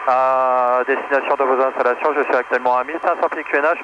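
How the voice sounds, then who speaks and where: A man gives radio calls from the cockpit of a small plane, his voice coming through a headset radio. The sound is muffled and narrow, with engine noise loud behind it. He speaks in halting, clipped phrases, pausing on call signs. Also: medium pitch, fairly even intonation. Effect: heard through an aircraft headset radio. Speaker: private pilot. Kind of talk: radio calls to air traffic. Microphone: headset mic.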